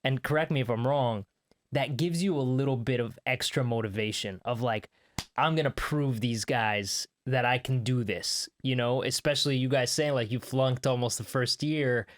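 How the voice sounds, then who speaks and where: A young adult man from Canada hosts a casual interview podcast. He speaks at a mid pitch in an easygoing, conversational way, stacking up long questions for his guests. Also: moderate pace. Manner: relaxed, conversational, asks long winding questions. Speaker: podcast host.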